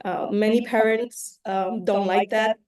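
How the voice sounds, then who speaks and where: Woman from Bangladesh, council member, meeting report, unhurried, warm low tone, hesitant fillers. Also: steady tone. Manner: soft-spoken, hesitant with many fillers.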